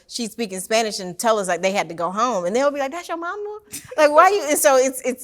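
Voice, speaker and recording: A woman hosting a casual conversation, telling stories with animated quotes of family. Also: medium pitch. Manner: animated storytelling, quoting others. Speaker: host.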